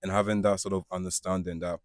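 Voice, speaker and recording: Panelist, young man from Ghana, slow and thoughtful, very low and flat. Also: no room sound, studio quality. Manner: slow, thoughtful and self-repairing. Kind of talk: casual panel talk.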